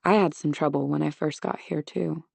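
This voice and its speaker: A confident, kind young man on a college swim team, voiced by a woman narrator. He speaks with easy charm, in a low, slightly gravelly register. The recording is dry and close. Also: fairly even intonation, normal speed, a little mellow, no room sound, full character voice. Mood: friendly. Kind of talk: audiobook dialogue.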